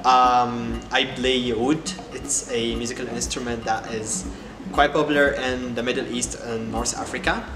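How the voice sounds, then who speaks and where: A man's voice: mid-range voice, level tone, a little slow. A man from Cairo, Egypt, answering interview questions thoughtfully, with frequent ums and restarts. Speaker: guest artist. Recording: echoey room with loud background music.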